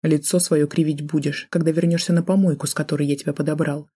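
A woman's voice: sits low, little pitch movement, fast, dark tone, husky. A woman reading an audiobook, voicing a jealous, drunk man who holds a gun and taunts with sneering threats. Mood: menacing.

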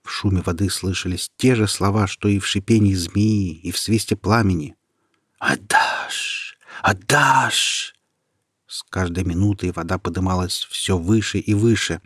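A man reads a fairy tale aloud with steady, expressive narration. His voice is husky and low-pitched. The recording is dry and close. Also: normal speed, hardly any pauses, no room sound. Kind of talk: storybook reading.

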